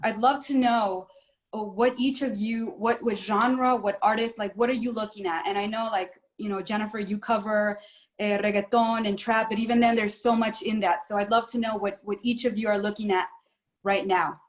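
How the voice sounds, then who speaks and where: A woman's voice: medium pitch, fairly even intonation, moderate pace. A woman moderates a panel discussion with a mid-range voice. She asks her questions in a friendly, inquisitive way.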